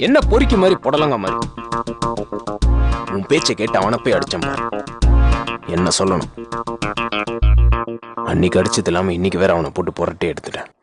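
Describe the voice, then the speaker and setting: A man's voice: low voice, fairly quick, long pauses. An actor playing a blunt young male student who scolds a girl in a TV serial. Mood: scolding. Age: young adult. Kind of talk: TV serial acting. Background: background music.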